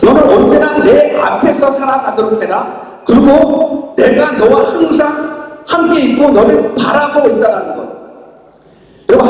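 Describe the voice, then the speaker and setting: A man's voice: extremely high pitch, darkish tone. A man preaching a sermon as pastor, emphatic, repeating rhetorical questions to the congregation. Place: large church hall. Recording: echoey church hall from far off.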